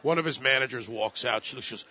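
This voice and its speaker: On a political talk panel, a male commentator tells stories and fires off pointed, emphatic rhetorical questions. His medium-pitched voice is sharp and slightly rough, and he talks fast. The recording has a dull lo-fi sound.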